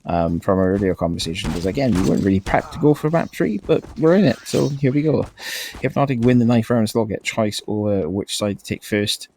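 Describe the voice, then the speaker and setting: Male esports caster, low-ish voice, easygoing and chatty, given to rambling. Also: animated, brisk, dark tone, slight background noise. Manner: laid-back, rambling, laughs often. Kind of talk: live game commentary.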